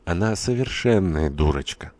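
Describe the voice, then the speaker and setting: A man voicing a talkative, eager village priest in an audiobook, his voice jumping up in pitch. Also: expressive, normal speed, darkish tone, no room sound. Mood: insistent.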